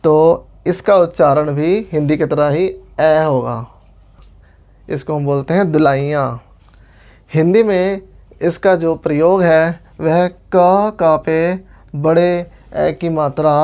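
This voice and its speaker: A man's voice: fairly high pitch, darkish tone, highs cut off. Patient man teaching a writing lesson. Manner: patient, methodical, explains while drawing. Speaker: language teacher.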